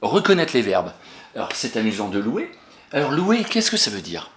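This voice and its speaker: A man's voice: mid-range voice, huge pitch swings, moderate pace, reverberant, background noise. A man with a French accent, a primary school teacher giving a remote spelling lesson to young children, patient and encouraging, asking questions and praising often.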